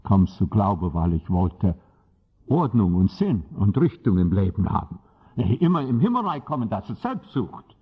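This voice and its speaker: A man's voice: fairly low pitch, sing-song, normal speed, slightly rough. A man preaching a sermon with passion and emphasis, his phrasing clumsy and often ungrammatical. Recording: dull lo-fi recording.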